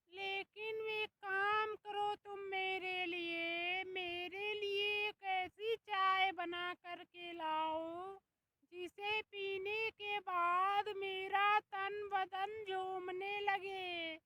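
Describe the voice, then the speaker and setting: Someone doing a shrill nagging mother-in-law. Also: background noise, exaggerated voice. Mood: bossy. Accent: Bhojpuri-tinged Hindi. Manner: nagging, scolding, slow drawn-out calls. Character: scolding shrill mother-in-law, older woman. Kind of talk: comic skit.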